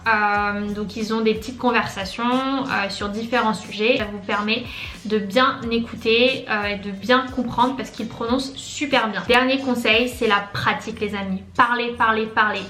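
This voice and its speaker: A woman's voice: fairly high pitch, a bit bright. A young woman vlogger giving casual tips in a chatty, friendly way, with lots of fillers. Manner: chatty, many fillers, friendly "les amis". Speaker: YouTuber giving English-learning tips. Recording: echoey room with faint music. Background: faint background music.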